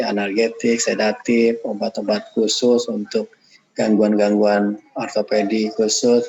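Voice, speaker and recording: A man's voice: fairly low pitch, creaky, a little mellow, lo-fi sound, a little hiss or hum. A man lecturing students in an unscripted, spoken-off-the-cuff manner, addressing them politely. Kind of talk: online lecture.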